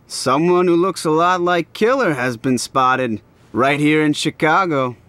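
An actor playing a dry, teasing detective with a dogged edge. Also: male voice, on the high side, measured pace, fairly bright tone, no echo. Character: wry, dogged male detective hunting a killer. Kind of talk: video game voice acting.

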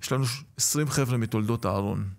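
A middle-aged man with a gravelly, fry-edged voice tells stories in an interview. He is a rabbi and lecturer, and his delivery is animated as he acts out the voices of the people he quotes. His pitch sits in an ordinary middle range. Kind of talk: storytelling in an interview.

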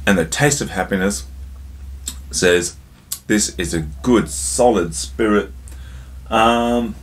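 A man's voice: fairly low pitch, takes it slowly, long pauses. A man hosting a casual drinks review vlog, chatty and jokey, talking straight to his viewers and telling a joke along the way.

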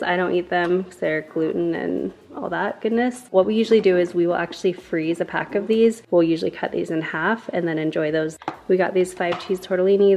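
This young woman's voice sits low, creaky and a little mellow, with slight background noise behind it. She's a family vlogger talking casually indoors in her kitchen, camera in hand at arm's length, her speech full of small fillers.

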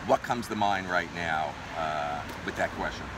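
A middle-aged man with a fairly low voice hosts an outdoor street interview in a parking lot. He fires off quick, upbeat questions. Passing traffic and outdoor ambience come through clearly behind him. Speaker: host.

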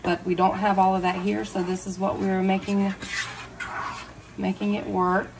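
A cooking vlogger in a hotel room chats her viewers through a tutorial step by step. Her medium-pitched voice has little pitch movement and a normal speed, picked up by a distant mic with clear room noise.

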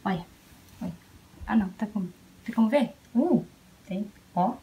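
A young Brazilian woman chatting loudly in a casual home vlog, often shouting at her dogs and baby. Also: medium pitch, expressive, moderate pace, slightly rough. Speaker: vlogger. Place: family home indoors.

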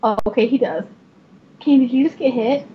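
A young woman with a Southern accent, chatting and giggling in a rambling, excitable way while live-streaming a game. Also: a little high, moderate pace. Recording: slightly dull, faint noise.

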